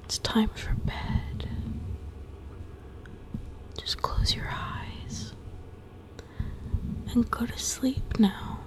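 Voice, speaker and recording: A woman whispering softly in a soothing, doting ASMR roleplay. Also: a little high, fairly even intonation, extremely slow, long pauses.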